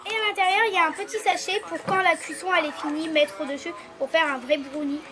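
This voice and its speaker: A very high-pitched woman talks her way through a casual cooking video, explaining every step in a chatty way. Music plays clearly underneath her voice. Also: steady tone, quick pace. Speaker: vlogger.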